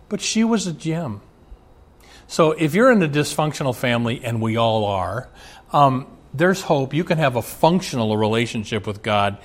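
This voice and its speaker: A middle-aged pastor preaches with plain, earnest conviction. His voice sits at an ordinary male pitch and climbs in force when he turns to call on the fathers in the congregation. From Omaha, USA. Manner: earnest, direct address to fathers, rising emphasis. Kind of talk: sermon.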